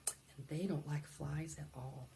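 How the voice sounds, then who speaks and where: Hosting a library storytime for preschoolers, a woman reads a picture book aloud in a sing-song, dramatic way, asks the children questions, and sings along the way. Her voice is deep, gravelly, and dark, with a steady tone and unhurried pace, over slight background noise.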